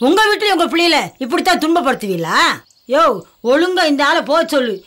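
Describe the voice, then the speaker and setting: An actress playing an older grandmother who loudly and sharply scolds the people around her. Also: high voice, very animated, fast. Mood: scolding. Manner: loud, scolding, sharp-tongued. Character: fierce scolding village grandmother. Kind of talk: film drama dialogue.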